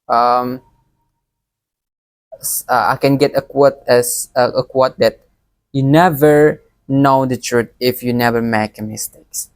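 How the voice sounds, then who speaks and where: A young man with a Palembang Indonesian accent gives a recorded exam presentation as an education student, halting and often repeating words. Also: medium pitch, dry recording. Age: young adult.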